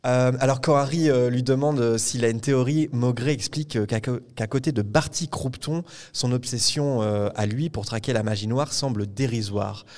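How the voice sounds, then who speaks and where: A man's voice: mid-range voice, moderate pace, a little mellow. A man hosting a podcast recorded live at a public event, retelling a book chapter at length with frequent hesitations. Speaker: podcast host. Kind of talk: casual book discussion before a live audience.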